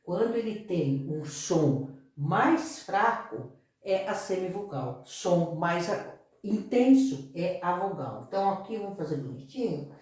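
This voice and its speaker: A Brazilian woman teaching a grammar lesson, explaining slowly, repeating herself and often checking that the class follows. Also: on the low side, darkish tone. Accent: Brazilian Portuguese. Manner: explains slowly with frequent check-ins and repetition. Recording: echoey room, voice far from mic.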